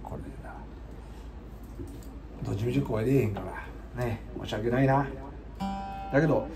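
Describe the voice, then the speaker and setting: Kansai man, hoarse, gravelly fry, unhurried rambling chat with guitar behind; singer-host between songs. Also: mid-range voice. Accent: Kansai Japanese. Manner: unhurried, rambling, polite to viewers. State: hoarse, voice giving out.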